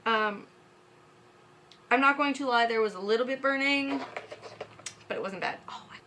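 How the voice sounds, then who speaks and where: A woman's voice: a little high, moderate pace, background noise. A drunk woman giving a casual, chatty makeup tutorial, fumbling and tripping over her words as she goes.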